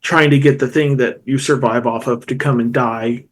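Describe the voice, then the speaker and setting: A man's voice: medium pitch, fairly even intonation, normal speed. Man playing a tabletop game. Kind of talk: casual in-game chat.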